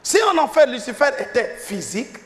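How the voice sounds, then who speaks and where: High-pitched preacher in a reverberant hall. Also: male voice, big pitch swings, a little fast, a bit bright. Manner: emphatic preaching, calls for amen. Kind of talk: sermon with live interpreter.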